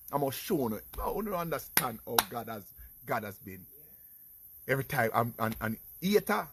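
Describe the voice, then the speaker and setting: A man with a Jamaican accent, speaking in patois as he tells stories about his life in a casual vlog, jumping from loud exclamations to low murmurs. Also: slightly rough. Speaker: vlogger.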